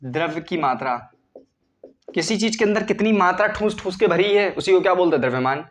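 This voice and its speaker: A man's voice: sits high, expressive, fairly quick, a little hiss or hum. A male chemistry teacher lecturing students in speech, often asking a question and answering it himself. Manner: asks and answers his own questions. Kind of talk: classroom lecture.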